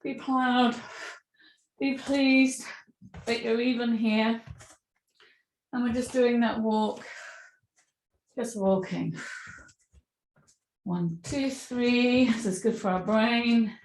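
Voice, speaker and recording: A woman yoga instructor guiding a movement class with gentle, encouraging cues. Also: fairly high pitch, very slow, pauses often, slight background noise. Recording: echoey room.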